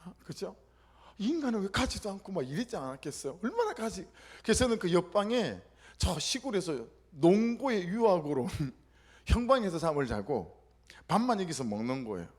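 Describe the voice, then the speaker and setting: A man's voice: sits high, normal speed. A middle-aged male pastor from southeastern Korea telling a personal story in a sermon, acting out the quotes as he goes. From South Korea, Gyeongsang region. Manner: animated storytelling with acted-out quotes.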